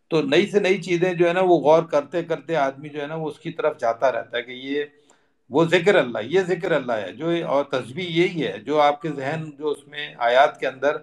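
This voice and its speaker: A middle-aged man with a somewhat raised pitch teaches a religious lesson. He explains earnestly, circling back over key phrases. He often drops English terms into his speech. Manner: earnest, repeats phrases for emphasis, mixes in English words. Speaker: Quran teacher.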